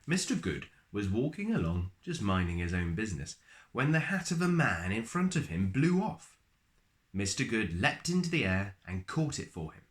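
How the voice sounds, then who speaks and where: With a fairly low pitch, a man reads a children's picture book in an expressive storyteller's style. He uses dramatic pauses and stretches out his words.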